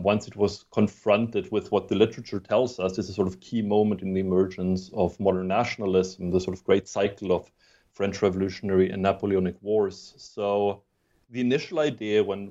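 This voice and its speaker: A Swedish-born man raised in Germany, a historian appearing as a podcast guest, speaks English as a second language with a mixed European accent, hesitating with many ums and restarts. His voice is low and dark with a flat delivery at normal speed, and the audio sounds dull.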